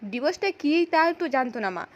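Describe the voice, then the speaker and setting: A woman's voice: high-pitched, very animated, fast. A woman voicing an angry, sneering village husband as she retells a serial episode. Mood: scornful. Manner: angry, sneering retold lines. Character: hot-tempered abusive village husband.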